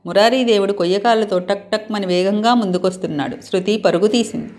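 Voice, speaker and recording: A woman reading a romantic story aloud as the channel's storyteller, expressive and voicing the dialogue with feeling. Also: mid-range voice, fairly quick.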